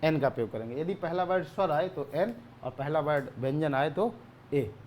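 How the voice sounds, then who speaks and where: A male teacher giving a grammar lesson, asking questions and answering them himself, repeating key words, often clearing his throat. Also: on the high side, lively intonation, moderate pace, a little mellow, slight background noise.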